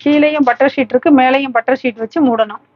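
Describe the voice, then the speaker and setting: A woman hosting a home cooking channel, calmly walking through each step and ingredient. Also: high voice, fast talker, muffled recording. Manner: calm, instructive, listing ingredients steadily. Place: home kitchen.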